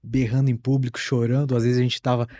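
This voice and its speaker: Guy hosting a podcast, warm mellow voice, easygoing, dry close mic. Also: medium pitch, quick pace, dry recording. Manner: relaxed storytelling with fillers and restarts. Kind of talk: casual podcast chat.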